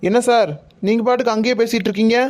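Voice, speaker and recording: Woman voicing mall manager, cartoon, fast apologetic talk, mellow, slightly high. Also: fairly even intonation, natural voice. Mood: hurried. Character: defensive mall manager, suspicious then apologetic.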